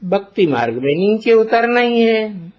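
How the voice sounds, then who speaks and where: A man giving a slow spiritual discourse as a teacher, deliberate and posing rhetorical questions to his listeners. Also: high voice, very animated. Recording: dull lo-fi recording.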